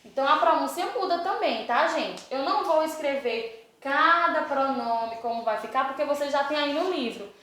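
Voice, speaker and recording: Brazilian woman teacher, high voice, patient step-by-step explainer, very echoey classroom sound. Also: expressive, normal speed, few pauses, a bit bright. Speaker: English teacher. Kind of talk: recorded video lesson for children. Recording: very echoey room.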